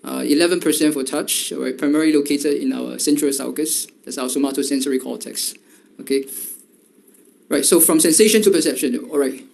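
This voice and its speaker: A male lecturer gives a university lecture in a loose style full of fillers and repeated "right?" checks. His voice is on the high side, brisk and gravelly, with a darkish tone.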